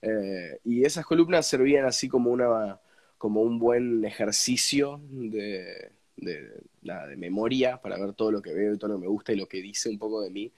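A young man with an Argentine accent, congested and snotty from a cold, chatting casually as an interview guest and haltingly repeating words as he searches for phrasing. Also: on the low side, animated, darkish tone. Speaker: interview guest, radio presenter. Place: indoors at home, on a video call.

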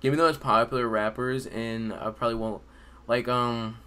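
A man's voice: mid-range voice, flat delivery, normal speed, sharp tone, clear, resonant tone. A man in his late teens hosting a podcast, chatting casually and informally from his room at home. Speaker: podcast host. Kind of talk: casual chat. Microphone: desk microphone on video call.

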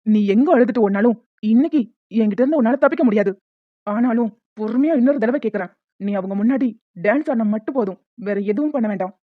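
A woman's voice: fairly high pitch, fast, no echo, close to an everyday voice. A woman voicing a menacing, crude male loan shark in a cartoon, talking in a bullying, threatening way. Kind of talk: cartoon voice dubbing. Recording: tinny phone-like, dry.

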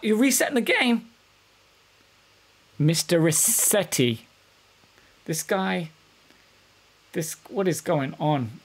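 A man chatting casually while streaming a game, halting with fillers. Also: a little high, slightly rough. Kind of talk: casual chat over gameplay.

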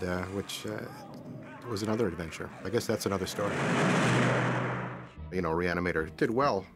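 Deep-voiced man recalling a film. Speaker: director interviewee. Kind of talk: retrospective interview.

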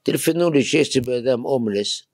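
A man who heads a yeshiva, preaching on the weekly Torah portion. He swings from near-shouts to whispers and keeps putting rhetorical questions to his listeners. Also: mid-range voice, no room sound, studio quality. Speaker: rabbi and yeshiva head.

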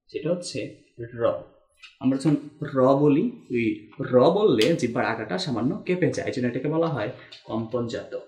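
A man's voice: a little high, a little mellow. A man teaching a recorded lesson, explaining step by step and answering his own questions. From Bangladesh. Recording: echoey room.

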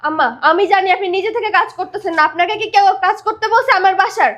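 A fiercely protective young wife, acted by a woman. She scolds fast and hard in a very high, bright, piercing voice. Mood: angry. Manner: scolding, forceful, insistent. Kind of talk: amateur drama acting.

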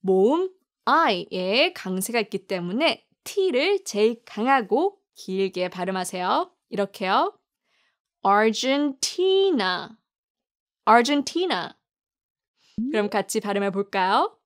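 A woman teaching English pronunciation in a lesson, speaking deliberately and repeating each word for listeners to practice. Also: medium pitch, very animated.

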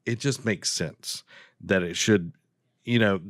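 A man in his thirties co-hosting a casual gaming news chat from a home room with bookshelves, speaking into a headset on a video call, blunt and opinionated with halting fillers. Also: fairly low pitch, dry recording, studio quality. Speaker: co-host.

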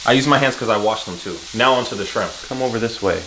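A man's voice: on the low side, fast, background noise. Young male vlog host, playful mock-chef patter, echoey kitchen, frying sounds. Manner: playful, mock-formal broken chef talk. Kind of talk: joking cooking show narration. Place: small home kitchen, indoors. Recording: echoey kitchen with sizzling pan.

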